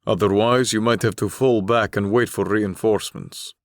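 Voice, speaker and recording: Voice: medium pitch, steady tone, moderate pace, dry recording, natural voice. An actor voicing a male spirit companion in an audiobook, wry and matter-of-fact, puzzled by human ways. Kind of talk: audiobook character reading. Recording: dry.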